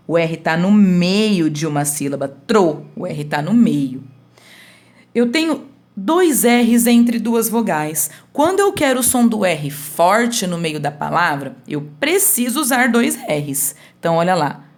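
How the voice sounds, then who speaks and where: A woman teacher giving a remote school lesson, explaining slowly step by step and often checking that her students follow. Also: fairly low pitch. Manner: slow, explains step by step with frequent checks for understanding.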